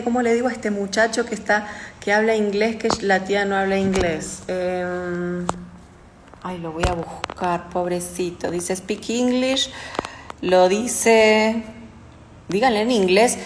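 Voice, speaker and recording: With a lowish voice and slight background noise, a young adult woman runs a casual phone livestream, reading viewers' comments aloud and responding candidly with plenty of swearing. Her room is echoey, giving a long reverb.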